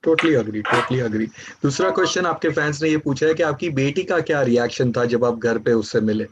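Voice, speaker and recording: A man's voice: medium pitch, lively intonation, normal speed, husky, no room sound, highs cut off. A man interviewing a guest, agreeing readily and reading out fans' questions. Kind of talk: casual interview.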